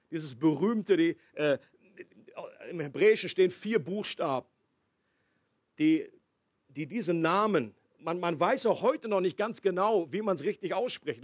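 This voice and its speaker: A man's voice: high voice, husky, no room sound, studio quality. A man preaching a sermon, explaining scripture in a conversational way with asides and restarts.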